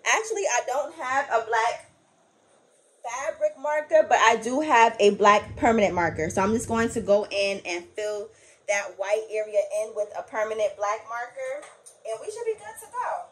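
Higher-pitched woman giving a casual craft tutorial. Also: lively intonation, moderate pace. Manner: folksy, addresses viewers as y'all; talks while working with hands. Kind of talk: casual hands-on tutorial narration. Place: small indoor craft workroom. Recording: noisy room, uneven camera-mic sound.

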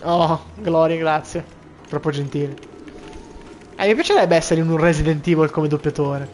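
A man's voice: fairly high pitch, normal speed, darkish tone, a little hiss or hum. A young man with a boyish voice, joking and swearing through casual gameplay commentary to his viewers. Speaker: let's play gamer.

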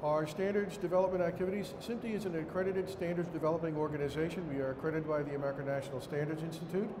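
A middle-aged man with a Brooklyn accent giving a formal slide presentation to a conference room, in a halting way. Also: a little high, fairly even intonation. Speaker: conference speaker standing in for a director. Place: indoor conference room with seated audience. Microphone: podium microphone, later picked up by hand. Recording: echoey hall, noisy room ambience.

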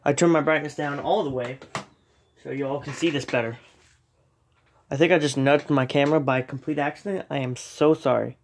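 His voice a little high and steady in tone, a young man talks a little fast while playing a game at home, filming a TV screen in a dark room. He hosts a gaming channel, has a slight cold that leaves him sniffly, and rambles self-deprecatingly with many ums. A little hiss or hum is audible.

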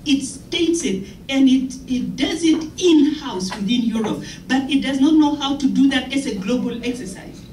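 A woman's voice: high-pitched, animated, moderate pace, darkish tone, slight background noise. A middle-aged woman giving an impassioned, emphatic keynote speech at a podium mic in a lecture hall. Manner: impassioned, emphatic, gestures widely. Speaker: keynote speaker. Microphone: podium mic on a stand. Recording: echoey hall, picked up from far off.

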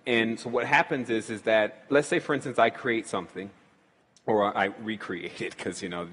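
A radio show host takes calls in casual call-in talk, rambling loosely and restarting his sentences many times. His voice is fairly low, fairly bright and slightly rough, with a long reverb tail.

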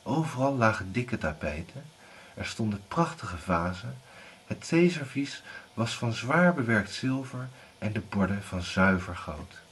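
A man narrating a fairy tale in an expressive, lively storytelling manner. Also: fairly low pitch, a little slow, a little hiss or hum.

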